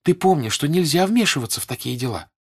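A man's voice: animated, fast, slightly rough. A man reading an audiobook and voicing a passionate, desperate young noblewoman who cries out and pleads. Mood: anguished. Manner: shrill, crying out.

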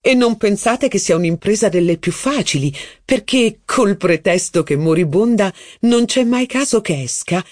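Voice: medium pitch, expressive, moderate pace, few pauses, a little mellow, no echo, clean studio sound, voice pushed up, close to an everyday voice. An audiobook reader voicing a haughty, witty aristocratic duchess, with mocking, theatrical, exclamatory speech. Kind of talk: audiobook reading.

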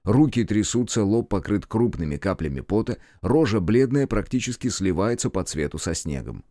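A man narrating a first-person audiobook in a calm, measured way. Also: on the low side, dry recording, clean studio sound.

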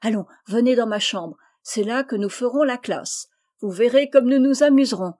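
A woman reading a storybook aloud and voicing an eager, warm-hearted little girl who turns bossy when playing teacher. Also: a little high, moderate pace, close to an everyday voice.

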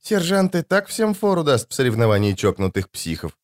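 A sly young woman soldier who needles her corporal in a snide, hushed voice, read by a male narrator. Storybook reading. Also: mid-range voice, big pitch swings, a little fast, natural voice. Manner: snide, half-whispered.

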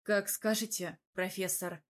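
A woman voicing a cocky young male athlete who talks calmly with a slow, teasing drawl. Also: medium pitch, close to an everyday voice. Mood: mournful.

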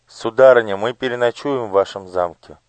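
A man voicing a stubborn, serious little girl who speaks quietly and firmly. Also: on the low side, a little fast, no room sound, voice pushed up, lightly acted. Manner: quiet, firm.

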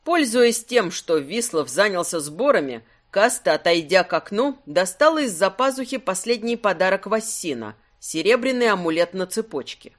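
A man narrating a fantasy audiobook in an expressive, animated reading style. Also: sits high, moderate pace, few pauses. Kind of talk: scripted narration.

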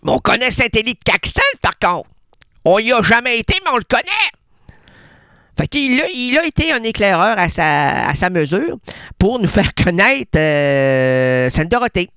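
A man with a Québécois accent, hosting a radio show as a rambling absurd monologue full of puns and stammered restarts, jumping between hushed asides and sudden shouts. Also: sits high, very animated, moderate pace, clear, resonant tone, dry recording, studio quality. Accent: Québécois French. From Quebec. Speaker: radio host.

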